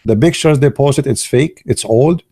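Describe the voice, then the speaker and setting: Playful joking man with a mellow voice. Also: medium pitch, normal speed, breathy edge, no echo, clean studio sound. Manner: playful, teasing, non-native English phrasing. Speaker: video commentator. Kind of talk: joking commentary.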